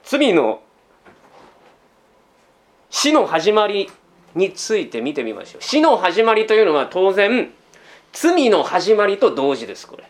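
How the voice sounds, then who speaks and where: A man's voice: high-pitched, very animated, a little slow, long pauses. A man giving a sermon as pastor, in a conversational way full of rhetorical questions, often tagging sentences with a trailing "this".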